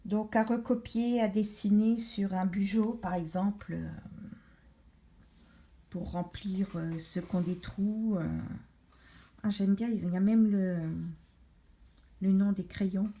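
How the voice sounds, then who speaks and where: A middle-aged woman talks through a colouring book in a relaxed, meandering way. She speaks slowly and hesitantly, with plenty of pauses and fillers. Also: mid-range voice. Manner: chatty, rambling, hesitant with many pauses. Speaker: craft vlogger. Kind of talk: casual chat showing a colouring book.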